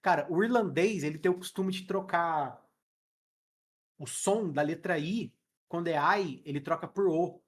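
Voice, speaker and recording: Speaking through a headset, this Brazilian English teacher runs a casual live class online, full of jokes, slang and friendly chatter. He has a Brazilian Portuguese accent, a somewhat high voice and a moderate pace.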